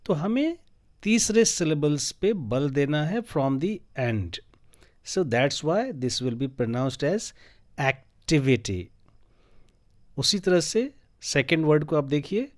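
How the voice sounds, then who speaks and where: A man teaching English word stress, spelling out letters and syllables slowly and deliberately. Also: on the high side, a little mellow, dry recording, studio quality. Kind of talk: educational lesson, mixing Hindi and English.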